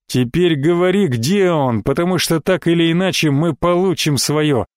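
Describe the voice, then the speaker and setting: A man voicing a menacing street thug who growls slow taunts. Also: a little high, no echo, clean studio sound, close to an everyday voice.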